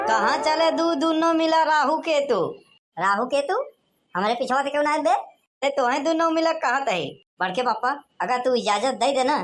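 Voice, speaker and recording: A woman's voice: sits high, a bit bright. A woman with an Awadhi accent performing rustic village banter for a comedy cartoon, brash, scolding and teasing.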